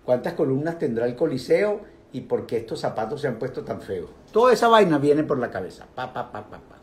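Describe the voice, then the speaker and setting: An older man talks viewers through meditation in a relaxed, conversational way. His pitch swings widely as he leans into points and drops low for emphasis. The delivery is lively and direct, with playful asides. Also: brisk. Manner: animated, speaks directly to viewers, asides and vocal sound effects. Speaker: meditation talk host. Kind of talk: casual spoken talk on meditation.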